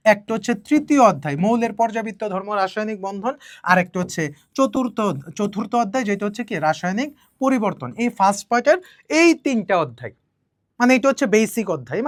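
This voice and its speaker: Slow, repetitive woman chemistry teacher. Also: on the high side, very animated, dry recording, studio quality. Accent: Bangladeshi Bengali. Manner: repetitive, checks in with students often; speaks slowly and deliberately. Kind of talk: online exam-prep lesson.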